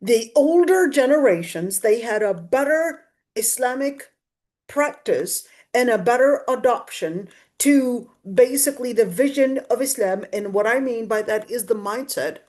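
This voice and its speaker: A woman's voice: a little high, lively intonation, unhurried, a little mellow. A woman lecturing as a religious teacher, didactic and emphatic, repeating key phrases to drive them home. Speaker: religious teacher giving a Quran exegesis class.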